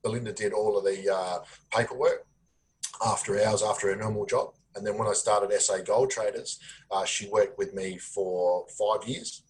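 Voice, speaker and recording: A man with a low-pitched Australian voice answers interview questions in an earnest, plain-spoken way. He pauses often on ums as he explains himself. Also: steady tone, poor audio. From South Australia. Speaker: podcast guest. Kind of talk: conversational interview.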